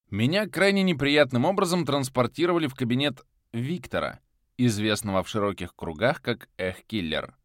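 A man narrating an audiobook with a lively, dramatic reading. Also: lowish voice, dry recording, clean studio sound.

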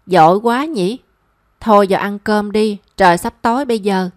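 A woman's voice: medium pitch, normal speed, no echo, clean studio sound, close to an everyday voice. A woman voicing a kindly old grandmother who teases her granddaughter. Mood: teasing.

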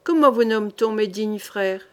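A woman voicing a jovial old king who exclaims loudly in delight, in an audiobook reading. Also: medium pitch, moderate pace, natural voice. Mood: commanding.

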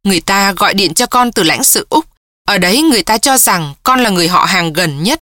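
A woman narrator voicing a distraught young woman, pleading and tearful, her pitch a little raised. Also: lively intonation, brisk, pushed and bright, dry recording, studio quality.

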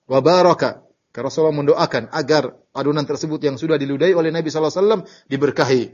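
Male religious teacher, lecture delivery, husky higher voice, animated storyteller who restarts phrases, dull lo-fi recording. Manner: animated storytelling with sudden emphatic bursts; frequent filler "ya" and halting restarts. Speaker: Islamic teacher.

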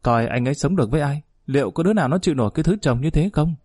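A man voicing a sharp-tongued young village wife who scolds and complains quickly. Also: a little high, animated, slightly rough, no echo, studio quality. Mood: scolding.

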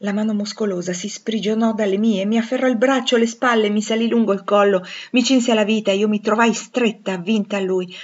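A woman narrating a classic novel aloud in a measured, expressive reading. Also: medium pitch. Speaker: audiobook reader. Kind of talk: literary audiobook narration. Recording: dull lo-fi recording.

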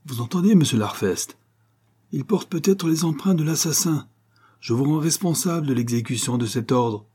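A man's voice: fairly high pitch, big pitch swings, moderate pace, husky, pitched above the performer's own voice. A man voicing a stern male ship captain who barks orders in a raised voice. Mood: commanding. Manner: barking orders, raised and forceful.

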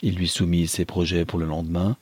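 A man reading a classic novel aloud as an audiobook narrator, measured and even. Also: low-pitched, husky, no room sound. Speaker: audiobook reader. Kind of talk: scripted narration.

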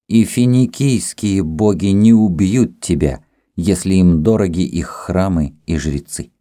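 A man voicing a passionate, brooding young crown prince who speaks low and intimately in an audiobook. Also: unhurried, dark tone, no echo, studio quality.

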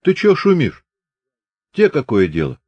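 A man's voice: mid-range voice, wildly swooping pitch, unhurried, darkish tone, husky, lo-fi sound, voice pushed up, heavily acted. A man reading an audiobook voices a cold, defiant Cossack soldier who snaps back insolently. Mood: sneering. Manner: sneering, defiant.

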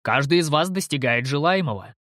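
A man voicing smug, eerie otherworldly beings who speak calmly and lazily with a mocking edge. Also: on the high side, fairly quick, no room sound, studio quality. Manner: calm, lazy, mocking.

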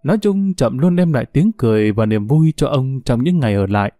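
A man narrating a story in a reflective, steady way. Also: medium pitch, fairly quick, no room sound, studio quality.

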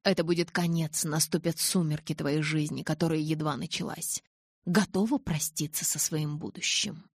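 A woman's voice: low voice, steady tone, normal speed, breathy edge, no echo, studio quality. A woman reading the lines of a brooding young male vampire in an audiobook, earnest and grave. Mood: solemn.

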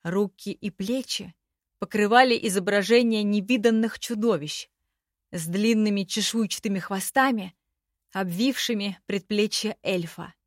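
A woman's voice: mid-range voice, unhurried, no echo. Woman narrating a fantasy story, dry sound. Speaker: audiobook narrator.

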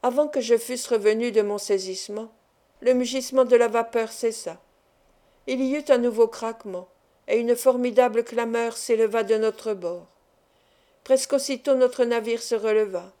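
A woman reading a classic novel aloud as first-person narration, in a steady storytelling manner. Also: fairly high pitch, moderate pace. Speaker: audiobook reader.

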